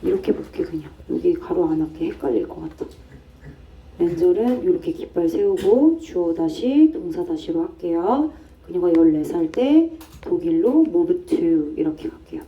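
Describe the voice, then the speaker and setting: A woman's voice: lowish voice, lively intonation, normal speed, far from the mic, highs cut off. A woman teaching an English grammar lesson to a class, explaining step by step and asking and answering her own questions. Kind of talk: classroom lecture.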